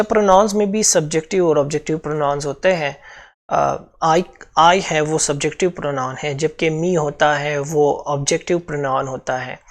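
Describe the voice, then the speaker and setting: Gravelly-voiced Pakistani male grammar teacher. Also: fairly high pitch. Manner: explains step by step, repeats points, frequent fillers. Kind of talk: exam-prep grammar lesson.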